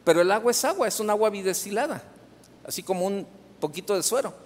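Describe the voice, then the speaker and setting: A middle-aged Mexican man preaches in a fairly high voice, telling a story in a loose, conversational way. He breaks off and starts over often and keeps checking in with the congregation. His voice carries a long reverb from the church hall. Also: expressive, fast. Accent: Mexican Spanish. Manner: storytelling with many restarts and asides to the congregation. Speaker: pastor. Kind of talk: sermon.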